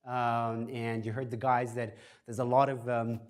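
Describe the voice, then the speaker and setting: A man with a medium-pitched, level voice gives a casual, fast-paced lecture as a guest speaker at a startup workshop. He pokes fun at himself and leans on lots of filler words while addressing an audience in an event space.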